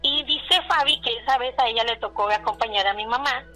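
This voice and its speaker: A woman's voice: fairly high pitch, fairly quick, sharp tone, faint music behind, poor audio. A woman with a Mexican accent telling a personal story in a rambling, casual way. She keeps repeating "le digo" and "dice" and uses fillers like "este".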